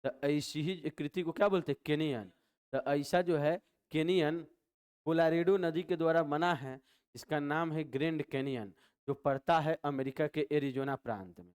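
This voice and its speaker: Smooth-voiced Bihari Hindi teacher drilling students. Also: male voice, a little high, moderate pace, darkish tone. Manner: repetitive call-and-response drilling. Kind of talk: classroom lecture. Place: coaching classroom.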